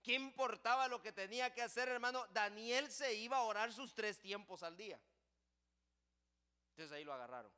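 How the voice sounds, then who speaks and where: A man preaching a sermon in church, impassioned, swinging between loud passages and hushed ones. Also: high-pitched, lively intonation, moderate pace, smooth. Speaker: pastor.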